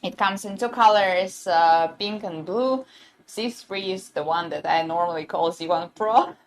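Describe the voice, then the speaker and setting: A woman's voice: fairly low pitch, a little slow, a little hiss or hum. Chatty giggly woman selling gadgets live. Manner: chatty, giggly, many fillers and restarts. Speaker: livestream seller. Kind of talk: casual live-stream product demo.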